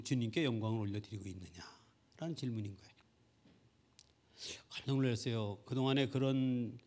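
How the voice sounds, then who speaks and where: Earnest male pastor preaching. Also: medium pitch. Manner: earnest storytelling, building to loud fervent peaks. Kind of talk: sermon. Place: church sanctuary during Sunday service.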